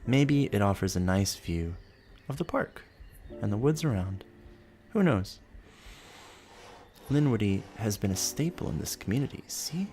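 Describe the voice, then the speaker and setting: A man rambling softly and sleepily, musing gently and without hurry in short phrases as he hosts. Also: lowish voice, animated, moderate pace, slight background noise. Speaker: host of a relaxed rambling show. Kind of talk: soft sleepy rambling, narrating a town-building game.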